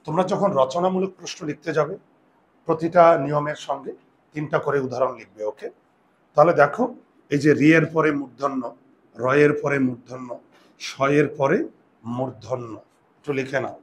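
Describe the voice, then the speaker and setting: A man's voice: fairly high pitch, moderate pace, pauses often, slight background noise. A man teaching a Bengali grammar lesson, patiently repeating key points and asking and answering his own questions.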